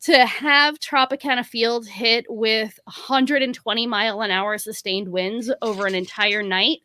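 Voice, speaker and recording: A woman's voice: fairly high pitch, fairly even intonation, unhurried, pushed and bright, no room sound. A woman born in New York and raised in the Tampa area, co-hosting a casual baseball chat and explaining things with many "you know" and "like" fillers. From born in New York City, raised in the Tampa area. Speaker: podcast co-host.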